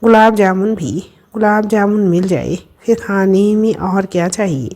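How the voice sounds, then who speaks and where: A woman's voice: medium pitch, measured pace, a little mellow. A woman doing a timid young working woman. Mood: chatty. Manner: shy, playful with her friend.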